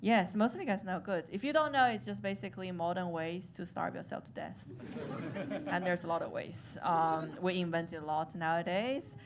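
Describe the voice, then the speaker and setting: On a comedy club stage, a Chinese woman in her thirties, a native Chinese speaker with a Chinese accent, performs stand-up with deadpan, self-mocking delivery. Her voice is lowish and her pace moderate, against a noisy background with a crowd.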